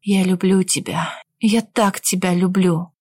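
A passionate young werewolf guard in a fantasy romance audiobook, as a woman reader puts him on. He murmurs softly and tenderly, lower and quieter than her narrating voice. Every word sounds heartfelt. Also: steady tone, a little slow, slightly rough, dry recording.

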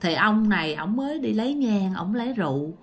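A woman telling a ghost story in a casual, animated way, often addressing her listeners directly. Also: medium pitch, brisk.

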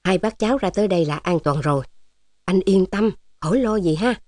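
A woman's voice: on the low side, animated, brisk, darkish tone, no echo, studio quality, natural voice. A woman voicing a jovial, teasing older male resistance officer in a storybook. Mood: fatherly. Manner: teasing, fatherly, joking.

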